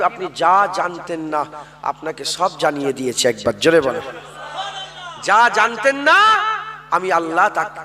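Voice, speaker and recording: Fiery bengali preacher guy, high bright voice, big hall echo. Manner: fiery, calls out to the crowd for responses. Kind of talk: sermon.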